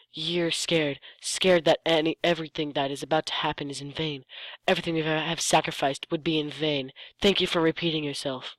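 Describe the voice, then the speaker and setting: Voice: medium pitch, a bit bright, no echo, rough recording. A host reading fan fiction aloud for comedy, stopping often to mock the writing sarcastically and stumbling over the lines. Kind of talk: comedic dramatic reading with commentary.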